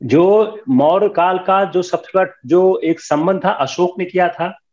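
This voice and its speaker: An older man with a high, slightly mellow voice teaches a history class at a somewhat slow pace, firm and scolding as he switches between Hindi and English. The classroom lecture comes through a dull lo-fi recording.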